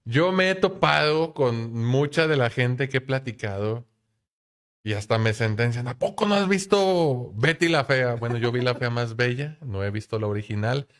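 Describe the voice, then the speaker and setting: A man's voice: mid-range voice, lively intonation, normal speed. A man hosting a casual podcast chat in a playful, chatty way. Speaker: podcast host.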